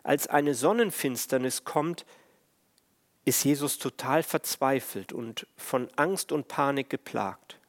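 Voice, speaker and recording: Slow, solemn German preacher man. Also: mid-range voice, expressive. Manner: slow, measured, solemn delivery. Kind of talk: sermon on the stations of the cross.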